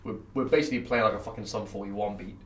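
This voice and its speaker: A man, co-hosting a podcast and telling animated, swear-filled stories in casual chat. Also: on the low side, quick pace. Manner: animated storyteller, swears freely. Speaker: podcast co-host. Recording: roomy echo, mic at a distance, faint ambience.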